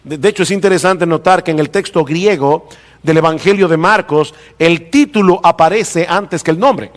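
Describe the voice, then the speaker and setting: A male pastor preaching a sermon in a church hall, stressing key words by slowing down and rising. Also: on the high side. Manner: emphatic preaching, slows down and rises for stress. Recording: long reverb of a hall.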